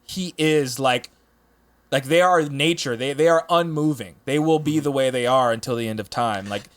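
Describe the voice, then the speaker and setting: A man's voice: medium pitch, normal speed, fairly bright tone. Rambling man in casual podcast chat. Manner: rambling, many restarts and fillers. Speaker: podcast panelist.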